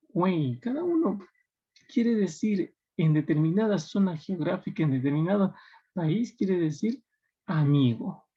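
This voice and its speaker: A man's voice: a little high, dark tone, breathy edge. A man with a Peruvian Spanish accent teaching a class, explaining step by step and often checking in with his students. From Peru. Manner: explanatory, checking in with tag questions. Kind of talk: classroom lecture. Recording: dull lo-fi recording.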